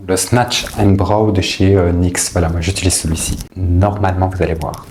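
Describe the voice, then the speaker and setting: A man's voice: low-pitched, steady tone, moderate pace, a little mellow, a little hiss or hum. A man chatting through a makeup tutorial, teasing his viewers with playful asides.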